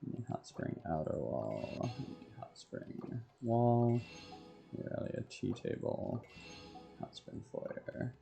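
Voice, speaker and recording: Over soft background music, a man with a mid-range, gravelly, mellow voice streams a video game. He speaks slowly but very animatedly, muttering short thoughts to himself as casual solo commentary.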